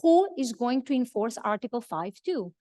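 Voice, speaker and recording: A woman speaking on a conference panel, laying out legal points in a measured, precise way with a few fillers. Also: a little high, big pitch swings, dark tone, no room sound, studio quality. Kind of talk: academic panel talk.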